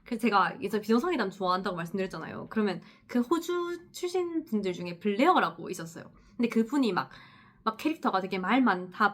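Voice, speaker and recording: With a medium-pitched, pushed and bright voice, this Busan nurse shares long work stories in a casual vlog straight to camera. Laughter comes often, and she performs the voices of the people she quotes.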